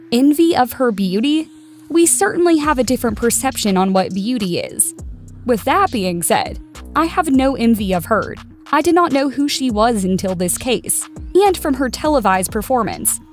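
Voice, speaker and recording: Woman narrating over music. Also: a little high. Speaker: narrator of a celebrity news channel. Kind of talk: scripted narration.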